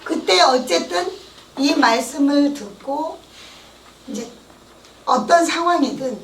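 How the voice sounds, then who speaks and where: A middle-aged woman with a high voice tells her testimony in church, lively and animated, slipping into the voices of the people she quotes. She sounds a little far from the mic in an echoey hall, with faint room ambience behind her. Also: slow, slight background noise. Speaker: testimony speaker.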